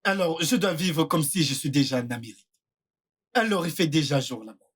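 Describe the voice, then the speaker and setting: A woman's voice: low voice, lively intonation, fairly quick, breathy edge. A woman voicing a boastful villager who dreams of America and shows off a mock-American manner, in a dubbed film. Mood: playful. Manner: showy, teasing, mock-American put-on.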